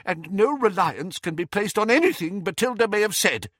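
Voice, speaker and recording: A man's voice: high voice, animated, moderate pace, a bit bright, dry recording, studio quality, pitched above the performer's own voice. A man voicing a timid, feeble elderly wizard who sounds flustered.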